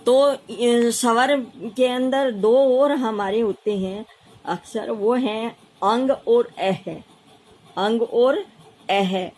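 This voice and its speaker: A woman teacher with a Haryanvi Hindi accent walks young pupils through a lesson. Her voice sits somewhat high, and she talks slowly and patiently, going back over the key terms. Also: darkish tone, poor audio. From India. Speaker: primary school teacher. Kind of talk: classroom lesson explanation.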